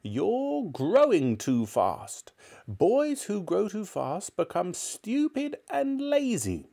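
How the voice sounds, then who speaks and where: A man's voice: sits high, wildly swooping pitch, takes it slowly, gravelly, warm tone, pitched above the performer's own voice, heavily acted. A man voicing a nasty, tiny old grandmother who scolds bossily in a storybook reading. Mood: scornful, snapping. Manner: scolding, snapping, relishing the disgusting.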